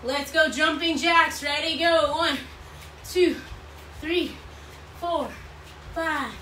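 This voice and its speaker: In a slow, forceful, bright, high-pitched voice, a woman in her thirties leads an aerobics workout, repeating encouraging cues and counts while she moves. She's indoors in a small, bright home room, picked up by a camera or phone several feet away, so the sound is roomy and distant with clear background noise.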